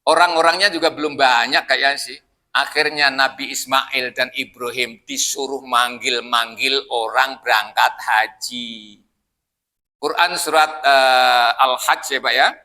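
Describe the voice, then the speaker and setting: A man's voice: mid-range voice, fairly even intonation, unhurried, pushed and bright. A man leading a casual Quran study in a mosque, chatty, often quizzing his listeners directly.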